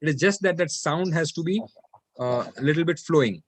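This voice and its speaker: A man teaching an online Arabic class, patiently repeating phrases slowly for his students. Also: fairly high pitch, no room sound.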